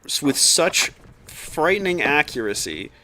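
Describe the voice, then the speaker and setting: A man co-hosting a casual spiritual chat, speaking softly and in a measured way. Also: on the high side, big pitch swings, background noise. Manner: soft, measured, many affirming murmurs.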